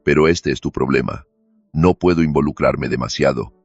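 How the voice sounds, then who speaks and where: A panicky, evasive young man in a storybook drama, as a narrator puts him on. His voice is very deep and husky, his lines tense and hurried. Dull lo-fi audio with faint music underneath. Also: dry recording, heavily acted. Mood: uneasy. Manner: tense, hurried, keen to stay out of it.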